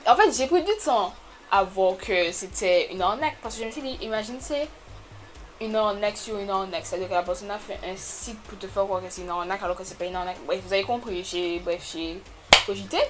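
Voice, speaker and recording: A woman telling a storytime to her camera in a casual, animated, exasperated way, with sudden loud jumps in pitch. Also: fairly quick, slight background noise. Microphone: camera mic.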